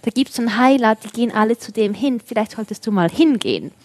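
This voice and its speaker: A young woman telling a personal story in casual chat, lively and animated, quickly voicing the people in it. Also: fairly high pitch. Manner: animated storytelling, voices others in quick asides. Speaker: storyteller in a conversation.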